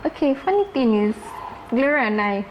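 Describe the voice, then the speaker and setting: A woman from Lagos, Nigeria, a fashion designer talking as a guest in a casual interview, lively and repeating herself for emphasis. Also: high voice, fairly quick, muffled recording, slight background noise.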